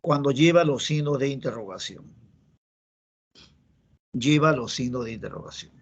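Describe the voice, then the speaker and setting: A man's voice: mid-range voice, normal speed, husky, highs cut off. A man with a Peruvian Spanish accent teaching a classroom grammar lesson, repeating key phrases and checking in with students. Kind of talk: classroom lecture.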